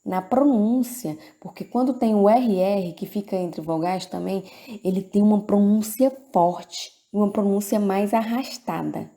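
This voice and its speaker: A woman with a Brazilian Portuguese accent teaching a grammar lesson to children, speaking slowly and repeating each example word. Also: mid-range voice, warm tone. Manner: slow, deliberate, repeats words for the class.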